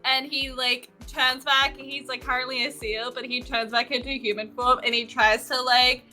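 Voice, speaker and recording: A woman's voice: high voice, little pitch movement, moderate pace, bright, forceful tone, soft background music. A woman playing a tabletop role-playing game, apologetic and giggly as she describes her character. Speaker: player. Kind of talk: casual tabletop play.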